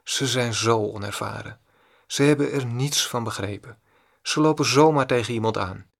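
A man delivering a spiritual discourse as a meditation teacher. His mid-range voice has a gravelly rasp, and he speaks slowly and deliberately, returning to the same points again and again. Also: mid-range voice. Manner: slow, deliberate, repetitive. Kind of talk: read-aloud spiritual discourse.

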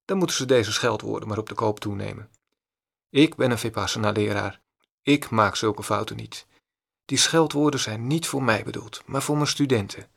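A man reading a meditation teacher's discourse in a slow, deliberate, repetitive way. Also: fairly low pitch, creaky, a bit bright. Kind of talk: read-aloud spiritual discourse.

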